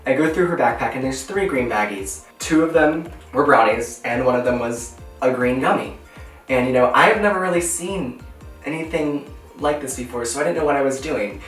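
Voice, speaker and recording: A young man telling a long personal story to camera in a casual, animated way, acting out the people in it. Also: medium pitch, normal speed, far from the mic, soft background music. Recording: roomy echo, a bit off mic.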